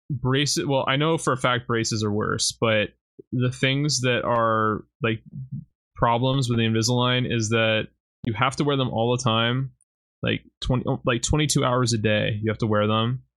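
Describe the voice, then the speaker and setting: A man co-hosting a podcast in casual chat, blunt and quick to swear while he rants. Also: mid-range voice, fairly even intonation, fairly bright tone. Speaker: podcast co-host.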